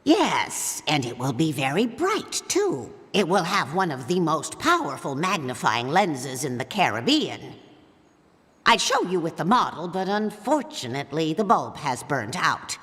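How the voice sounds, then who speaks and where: A surly, prim librarian for a cartoon adventure game. She speaks slowly and officiously in a forceful, very animated voice, hushing as she goes, with long echoing reverb around every word. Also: deep voice, exaggerated voice. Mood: matter-of-fact. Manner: hushing, clipped, officious, drawn-out emphasis. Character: stern, prim, surly female town librarian.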